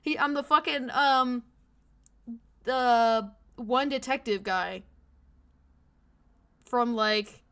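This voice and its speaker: High-voiced woman streaming a game. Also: very slow, pauses often, bright, forceful tone, clear, resonant tone. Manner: frequent swearing. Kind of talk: casual gameplay commentary.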